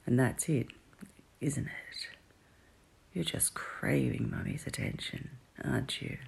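A woman performing an intimate whispered roleplay audio, teasing and murmuring softly in a low whisper. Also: expressive, takes it slowly, vocal fry, husky.

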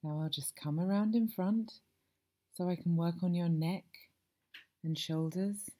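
A woman speaks in a soft, soothing ASMR roleplay as a masseuse, drifting between a hushed voice and whispers. Her tone is breathy and mellow, a little low, and she takes her time over every phrase. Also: fairly even intonation, a little slow.

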